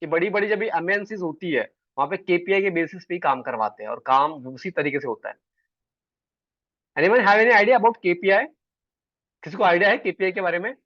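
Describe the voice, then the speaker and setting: A man's voice: sits high, moderate pace, no echo. A man teaching an online sales class, chatty and always checking in with his students. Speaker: sales trainer. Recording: dull, dry online call audio.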